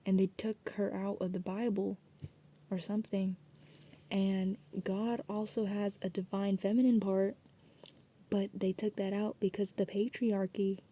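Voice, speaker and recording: With a warm, level, mid-range voice and a slightly slow pace, a young woman who vlogs as a student meanders through a late-night video. She swears freely and lets her thoughts drift.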